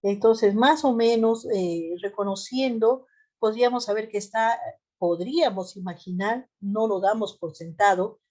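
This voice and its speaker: Woman, central Peruvian highland accent, health trainer, classroom lecture, chatty with fillers and rhetorical questions. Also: unhurried, a little mellow. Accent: Peruvian central highlands Spanish. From central highlands of Peru.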